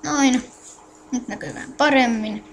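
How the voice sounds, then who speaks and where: A high-pitched woman mutters her way through a casual screen-recorded game tutorial, halting and distracted as she clicks, while also telling viewers directly what to do. A little hiss or hum runs in the background.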